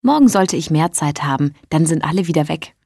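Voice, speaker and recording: Practical no-nonsense woman, curt and dry, dark low voice, read by a woman, audiobook. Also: expressive, fairly quick, creaky, breathy edge, no room sound, exaggerated voice. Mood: brisk. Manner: curt, matter-of-fact.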